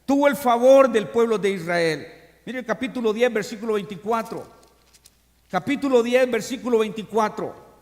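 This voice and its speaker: A man, a pastor, preaching a sermon to his congregation during an evening service, reading scripture aloud and speaking to them directly. He swings between loud proclamations and quiet, confiding asides. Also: high-pitched, moderate pace. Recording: long reverb of a church hall.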